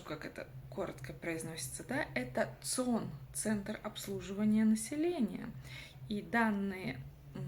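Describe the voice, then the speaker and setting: A woman from Kazakhstan teaching on camera, sounding words out slowly syllable by syllable. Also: mid-range voice, noisy background. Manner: slow syllable-by-syllable demonstrations, stresses sounds. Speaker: language teacher. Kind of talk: on-camera language lesson. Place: indoor room by a window. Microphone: camera mic.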